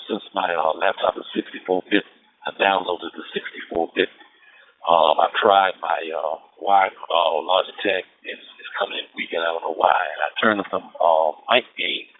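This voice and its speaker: Brief: deep-voiced ham operator heard over a tinny radio link, faint static, rambling. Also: male voice. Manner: rambling, fillers, call-sign procedure. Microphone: wireless headset. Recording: tinny narrow radio audio with faint noise.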